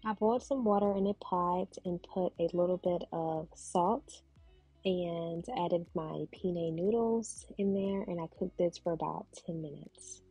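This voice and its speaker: Breathy woman narrating a cooking video. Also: fairly low pitch, a little slow, dry recording, faint music behind. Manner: calm, step-by-step explaining. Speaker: cooking vlogger.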